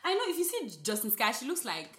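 A young woman from Nigeria co-hosting a podcast, chatting casually, animated and laughing, with lots of "like" fillers. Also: fairly high pitch, fast, echoey room. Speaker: podcast co-host. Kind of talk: casual chat.

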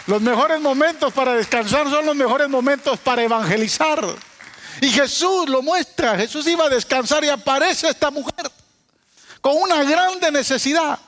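High, lively preaching man in an echoing hall. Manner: animated preaching, swinging from hushed asides to raised cries. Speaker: pastor. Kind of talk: sermon. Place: church hall. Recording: preached in a hall with long reverb.

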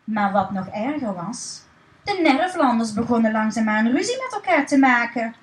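A woman reading a children's story aloud in a lively, expressive way. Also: a little high, moderate pace, reverberant, rough recording.

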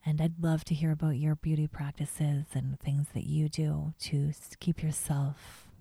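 Whispering woman with a gravelly, dark tone. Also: low-pitched, level tone, measured pace, no room sound. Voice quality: soft whisper. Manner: gentle, chatty, trails off. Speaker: beauty vlogger. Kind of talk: whispered ASMR beauty tips.

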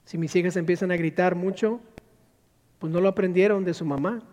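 High-voiced male pastor preaching in a reverberant hall. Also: fairly even intonation, fairly quick, darkish tone. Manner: preaching with rhetorical questions and acted quotes. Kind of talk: sermon. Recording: long reverb of a large hall.

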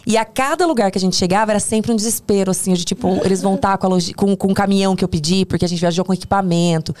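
A tour producer appearing as a podcast guest, this woman has a Brazilian Portuguese accent and a medium-pitched voice and talks very fast. She tells work stories casually, animated and hyperbolic, often interrupting herself.

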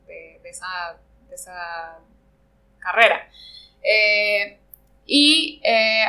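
Her medium-pitched voice sounds pushed and bright as the Venezuelan woman from Margarita Island reflects aloud during a conversational interview, often pausing to find words.

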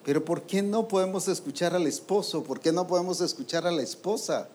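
Lively preacher man. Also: high voice, brisk, slight background noise. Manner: lively, rhetorical questions, acts out quotes. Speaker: apostle preaching to ministers. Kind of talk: sermon.

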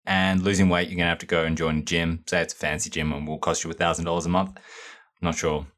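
A man with a very low, deep voice co-hosts a relaxed podcast chat. He talks in a laid-back way and lays out ideas one step at a time, often filling pauses with ums. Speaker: podcast co-host. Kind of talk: casual explanatory chat.

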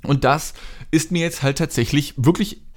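A man's voice: fairly high pitch, moderate pace. A man from Hamburg, hosting a podcast, tells a comic anecdote in a rambling, digressive and self-mocking way. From Hamburg, Germany. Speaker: podcast host. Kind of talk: comedic anecdote storytelling.

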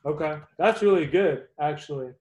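A man's voice: fairly high pitch, normal speed, a little mellow, muffled recording. A man hosting a podcast interview, talkative and encouraging as he sums up advice. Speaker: podcast host. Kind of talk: casual interview.

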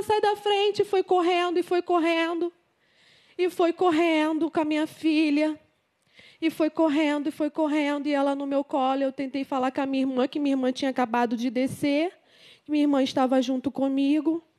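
Grieving Brazilian mother, high voice. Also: flat delivery, a little mellow. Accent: Brazilian Portuguese. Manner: halting, repeats phrases over and over. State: grieving, voice near tears. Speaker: mother giving testimony. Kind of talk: emotional personal testimony.

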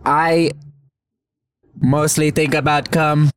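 Guy doing a glitchy robot voice, flat and stiff, repeats words like it's stuck, a bit high, car hum behind. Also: takes it slowly. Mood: deadpan. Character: lewd male robot, glitchy and deadpan. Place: inside a moving car. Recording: faint road noise in a car.

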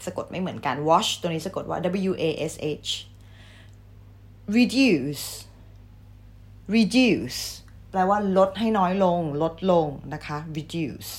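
A woman teacher giving a vocabulary lesson, saying each English word twice, louder and slower, then explaining it politely. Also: lowish voice, sing-song. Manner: polite, ends phrases with soft particles.

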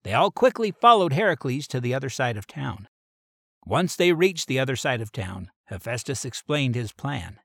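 A man's voice: medium pitch, big pitch swings, normal speed, vocal fry, pushed and bright. A man reading an adventure story aloud in a plain storybook manner.

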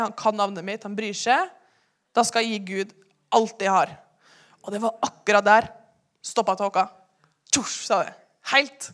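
A young woman giving a personal testimony in church, telling her story earnestly and often dropping to a hushed voice. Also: a little high.

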